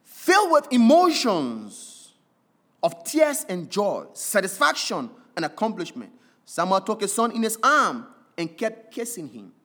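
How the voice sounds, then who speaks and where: Slow, expressive preacher telling a story. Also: mid-range voice. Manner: slow, deliberate storytelling with dramatic pauses. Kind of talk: sermon illustration story.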